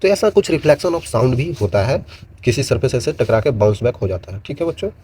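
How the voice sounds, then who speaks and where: A male physics teacher lecturing his students at an easy, even pitch. His voice is warm and mellow rather than bright, and he explains patiently, repeating his phrases and slipping English terms into his lesson. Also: moderate pace, a little hiss or hum. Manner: explains with repeated gestures and "bachon" asides, mixes Hindi and English.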